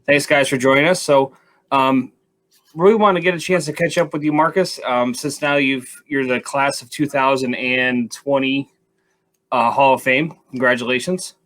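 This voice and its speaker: A male host leads a live interview at an ordinary, middle pitch. He asks his questions loosely and chattily. His talk is full of fillers and restarts. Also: fairly even intonation, normal speed, a bit bright. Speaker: show host. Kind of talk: casual interview hosting.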